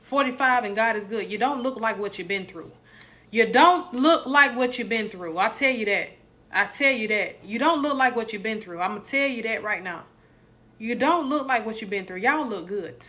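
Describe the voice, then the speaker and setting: A woman hosting a casual live stream reads out viewer comments and hypes up her chat in an animated, playful way. Her voice is fairly high, and she speaks at a moderate pace.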